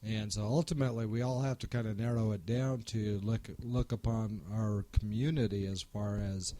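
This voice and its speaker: Low, mellow man thinking aloud. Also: fairly even intonation, normal speed. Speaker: podcast co-host. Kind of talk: casual interview chat.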